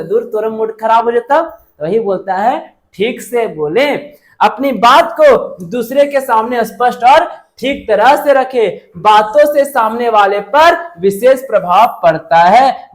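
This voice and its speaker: A woman teaching a university lecture. She mixes textbook phrasing with casual speech, asks herself rhetorical questions and repeats each point twice. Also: fairly high pitch. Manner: mixes textbook Hindi with colloquial local speech.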